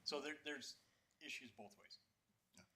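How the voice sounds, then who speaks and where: A man's voice: medium pitch, moderate pace, bright, forceful tone. A man on town staff explains matters to council in a casual way, often repeating himself. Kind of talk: council meeting discussion. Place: council chamber.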